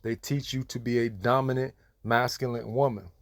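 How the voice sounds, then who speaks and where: An American religious commentator delivers preachy reaction commentary in an admonishing, repetitive, emphatic way. His voice is medium-pitched, dry and steady at a normal speed, with no room sound.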